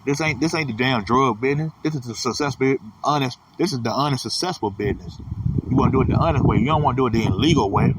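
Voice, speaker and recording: A man's voice: mid-range voice, quick pace. A man in his thirties giving a rambling, repetitive, profane motivational monologue as a podcast host. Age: 30s. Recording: distant mic with loud vehicle noise.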